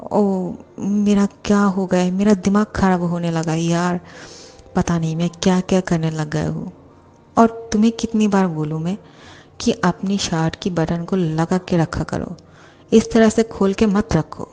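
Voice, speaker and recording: A woman's voice: fairly low pitch, a little slow, warm tone, close to an everyday voice. Woman voicing a lovesick young male boss. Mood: flustered. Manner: pleading, clingy, teasing.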